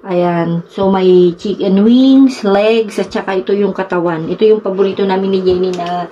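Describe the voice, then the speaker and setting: A woman's voice: mid-range voice, steady tone, moderate pace, mellow, highs cut off, a little hiss or hum. A woman from the Philippines, chatting casually to her viewers outdoors on a city street. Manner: chatty, keeps addressing viewers. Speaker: vlogger. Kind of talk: casual vlog chat to viewers.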